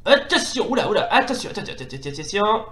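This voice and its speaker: High, excitable man commenting on gameplay. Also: quick pace. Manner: hesitant, many fillers and restarts; excitable exclamations during fights. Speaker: retro gaming video host. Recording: roomy echo.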